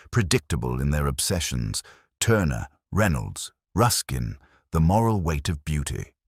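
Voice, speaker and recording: In a scripted first-person audio mystery, a man with an exceptionally low voice narrates as a melancholy detective. His measured, literary delivery still shifts pitch expressively from phrase to phrase. The sound is husky, very close and dry, with no room sound.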